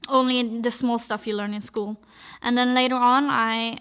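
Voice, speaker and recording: A woman's voice: a little high, steady tone, normal speed, a bit bright, clean tone. A young woman from Norway telling her life story in a casual, hesitant way, with many fillers and restarts. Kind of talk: personal testimony, casual.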